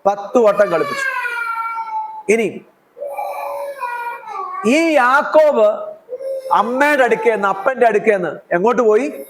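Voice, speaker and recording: Malayali pastor guy, highish voice, preaching hard, repeats stuff and keeps asking the crowd questions. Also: lively intonation, moderate pace, pauses often, noisy background. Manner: emphatic, repeats phrases, asks the congregation questions. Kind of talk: sermon.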